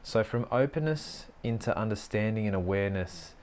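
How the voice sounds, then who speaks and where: A middle-aged man hosting a solo podcast, musing earnestly on personal growth, often pausing to restart his thoughts. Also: lowish voice, animated, a little mellow, slight background noise. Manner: earnest, musing, with frequent restarts and slow stretches. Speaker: podcast host and life coach. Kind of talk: reflective solo podcast monologue.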